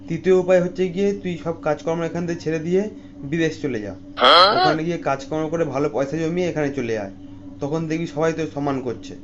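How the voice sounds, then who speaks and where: Man, quick bossy cartoon voice, slightly high, dull hissy sound. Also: steady tone. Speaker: voice actor for cartoon figures. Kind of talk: comic cartoon dialogue. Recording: slightly dull lo-fi audio with faint hiss.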